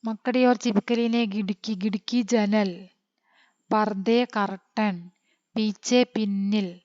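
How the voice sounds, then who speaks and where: A woman from teaching an online lesson, reading text slowly and then quickly glossing words one by one. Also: mid-range voice, steady tone, darkish tone, dry recording. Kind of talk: online Hindi lesson explained in Malayalam. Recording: dull lo-fi sound.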